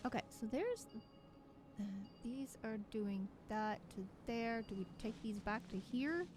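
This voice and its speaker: A woman streamer chats casually as she plays, muttering to herself while working through puzzles, with game music in the background. Her voice is a little high, with lively intonation and a measured pace.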